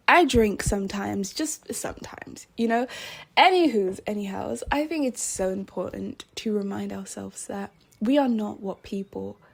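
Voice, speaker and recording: A young woman talking to camera in a casual personal monologue, excitable and giggly, now and then dropping into soft whispers. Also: medium pitch, vocal fry, breathy edge. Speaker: vlogger.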